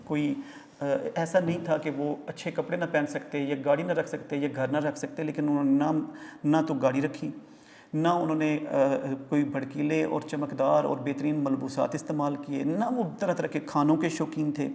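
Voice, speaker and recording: A man's voice: on the high side, fairly even intonation, creaky, a little mellow. Man teaching in a reverberant room. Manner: explains word meanings and pronunciation, hesitant fillers. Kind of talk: classroom lecture explaining an Urdu text.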